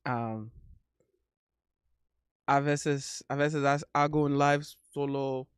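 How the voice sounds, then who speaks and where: This man, a native English speaker born in Miami with Haitian family, hosts a casual livestream and sings, chatting hesitantly with ums in both Spanish and English. His smooth, mid-range voice holds a steady tone, and he draws out his words. The studio sound is clean with no echo.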